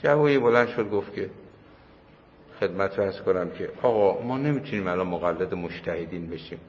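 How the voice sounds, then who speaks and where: Low-voiced cleric lecturing in a hall. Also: male voice, lively intonation, a little mellow. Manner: conversational, anecdotal, emphatic repetition. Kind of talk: religious lecture. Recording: muffled hall recording with faint noise.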